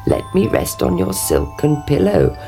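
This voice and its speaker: A woman reading a storybook, voicing a croaking, demanding enchanted male frog. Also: sits low, huge pitch swings, unhurried, music in the background, exaggerated voice.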